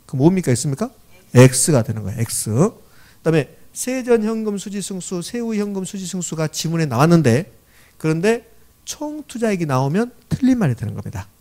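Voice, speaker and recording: Lively, drilling male lecturer. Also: on the high side. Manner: drills students, reads formulas slowly and repeats them; frequent check-in questions to the class. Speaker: exam-prep lecturer. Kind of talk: classroom lecture.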